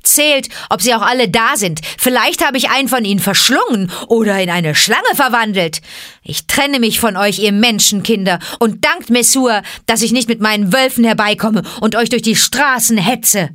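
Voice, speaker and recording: A woman's voice: on the low side, unhurried, no room sound, clean studio sound, close to an everyday voice. A woman reading aloud, voicing a proud, defiant boy raised by wolves, speaking with heat. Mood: mocking. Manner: heated, defiant.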